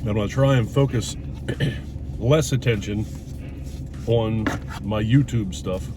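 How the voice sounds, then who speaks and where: A middle-aged YouTube vlogger with a lowish voice talks candidly to the camera and a companion while eating. He is far from the mic with background noise, and he speaks bluntly and reflectively, swearing now and then.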